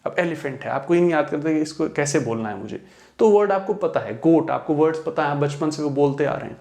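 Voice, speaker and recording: A man from India teaching English pronunciation in a Hindi lesson, patiently explaining and slowly spelling out model sentences in English. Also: fairly high pitch, animated, creaky, a little mellow.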